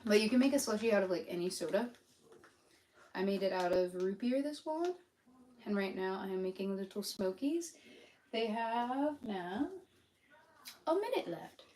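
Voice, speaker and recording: A woman's voice: medium pitch, animated, normal speed, long pauses, darkish tone, roomy sound, a little hiss or hum, poor audio. A Pennsylvania woman with a Pittsburgh accent chatting casually on a live stream while she cooks at home, rambling with lots of fillers. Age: adult with a child. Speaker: cooking vlogger. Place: home kitchen.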